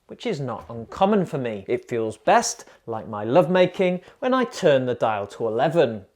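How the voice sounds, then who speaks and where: Man with a lively, dry comic delivery. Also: medium pitch, moderate pace. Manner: dry self-mocking wordplay. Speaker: cycling vlogger. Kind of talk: scripted comic review narration.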